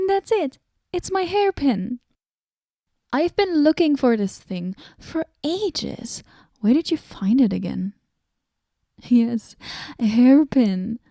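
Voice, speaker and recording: This is a moody goddess voiced by a woman in a whispered role-play. She speaks slowly in a dark, mellow tone, deadpan and sarcastic, slipping into soft whispers. The sound is close and dry, with no room around it. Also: mid-range voice, no echo. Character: moody, aloof female goddess, sardonic.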